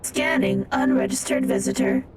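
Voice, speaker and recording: An actress voicing a stiff robotic sentry machine through a robot voice filter, speaking in clipped, flat announcements. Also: female voice, extremely low pitch, moderate pace, far from the mic, background noise, full character voice. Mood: announcing.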